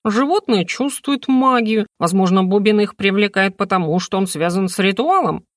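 A woman voicing an excitable small female magical creature with a shrill, rapid way of exclaiming. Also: no room sound, studio quality, close to an everyday voice. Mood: knowing, teasing.

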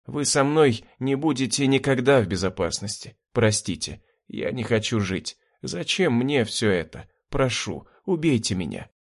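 A man's voice: mid-range voice, sing-song, measured pace, few pauses. A man voicing a big, chubby male engineer who sobs and pleads in fear. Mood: pleading. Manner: sobbing, pleading.

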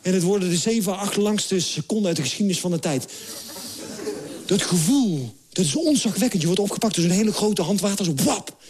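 A man's voice: sits high, a little fast, breathy edge. A man telling a comic story on stage, acting out the characters as he goes. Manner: animated, acts out characters in English and Dutch. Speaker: comedian. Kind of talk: stand-up storytelling.

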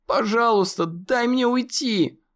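A man's voice: high-pitched, lively intonation, takes it slowly, voice pushed up. A man voicing a frightened young boy who pleads and cries out in an audiobook. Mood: desperate.

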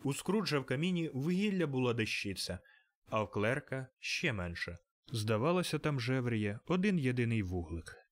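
A man reading a classic story aloud as audiobook narrator, in a measured, even storytelling manner. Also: medium pitch. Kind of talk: scripted narration.

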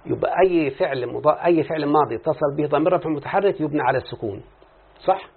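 A man's voice: on the high side, quick pace, breathy edge. A man with an Egyptian Arabic accent teaching a grammar lesson, explaining with examples and often checking that the listener follows. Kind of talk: classroom lesson. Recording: phone-like muffled lecture recording.

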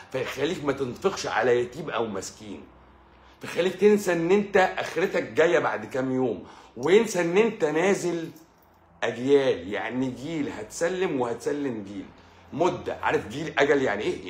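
A man's voice: mid-range voice, echoey room. A man with an Egyptian Arabic accent giving a religious talk, speaking straight to his listener and often repeating himself. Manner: lively, addresses listener directly, repeats and stammers. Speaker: channel host.

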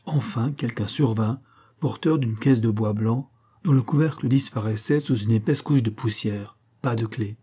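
Brief: male audiobook narrator, husky and dark-toned, deliberate literary reading. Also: mid-range voice.

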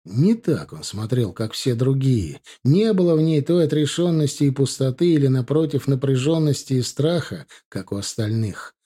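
A man narrating an audiobook in a calm, even storytelling manner, putting on voices for the characters. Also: medium pitch, moderate pace, few pauses, slightly rough.

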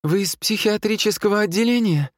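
A man voicing a frightened young woman nurse who pleads in a raised, high voice. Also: brisk, no echo, clean studio sound, close to an everyday voice. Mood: pleading.

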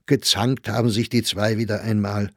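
A man's voice: fairly low pitch, level tone, normal speed, no echo, studio quality, close to an everyday voice. A man voicing a blunt, mocking male actor who scoffs at the others in a storybook. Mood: scornful.

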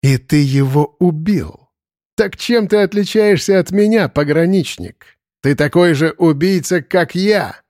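A taunting bird spirit wearing a boy's body, as an audiobook narrator puts it on. The voice rides high and jeering, full of scorn. It sounds dark and dry, close to the mic. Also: measured pace, dry recording, close to an everyday voice. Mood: mocking. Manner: sneering, taunting. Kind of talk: audiobook character voice.

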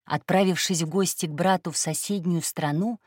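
A woman reading a first-person story aloud in a calm, even narration. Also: lowish voice, normal speed, no room sound, clean studio sound. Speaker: audiobook narrator.

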